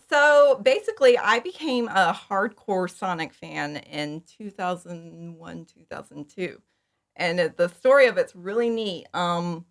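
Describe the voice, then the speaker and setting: This fan audio drama creator, a woman in her thirties, answers interview questions on a podcast in a relaxed, chatty way. Her voice is lowish with vocal fry, and she comes across as eager, informal and prone to giggling.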